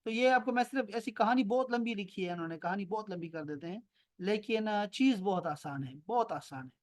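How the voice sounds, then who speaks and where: Patient man teaching over a video call. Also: sits high. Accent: Pakistani Urdu. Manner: patient, repeats terms slowly, quizzes students by name. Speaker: Arabic teacher. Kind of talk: online class lesson. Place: home near an airport.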